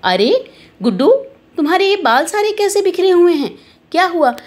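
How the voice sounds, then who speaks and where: A woman's voice: extremely high pitch, very animated, normal speed. A woman voicing a caring mother in a doll story who questions the children firmly about their fight. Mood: concerned. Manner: concerned, firm questioning.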